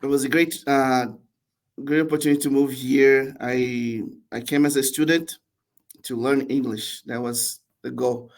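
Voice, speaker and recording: A man in his forties from Brazil, a podcast guest telling his story in a relaxed, chatty way with frequent restarts and laughs. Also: medium pitch, unhurried. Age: 40s. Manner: warm, laughing, many restarts and repeated words. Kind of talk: casual storytelling interview.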